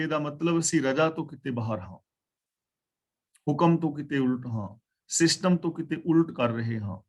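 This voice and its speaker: A man teaching a scripture class, reciting verses slowly and then explaining them in plain talk. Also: on the high side. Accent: Punjabi. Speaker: katha teacher.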